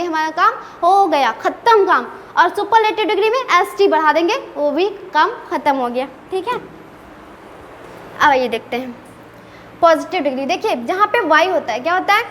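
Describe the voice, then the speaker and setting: A woman's voice: extremely high pitch, a bit bright. A woman teaching an English grammar lesson, often asking her students rhetorical questions. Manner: playfully scolding. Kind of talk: classroom-style grammar lesson. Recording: long reverb with faint background noise.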